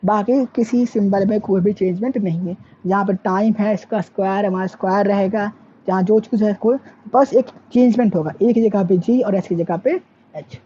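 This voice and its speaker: In a mid-range, mellow voice with a steady tone, a woman teaches a physics class at a moderate pace, answering the questions she asks and blending English terms into her explanations. Sound quality is dull and lo-fi, with faint noise behind her.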